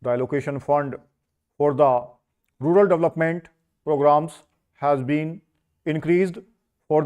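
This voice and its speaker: A man reads a script as slow school dictation, in short measured phrases with pauses between them. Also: fairly high pitch, a little mellow. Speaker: dictation reader for a stenography skill test.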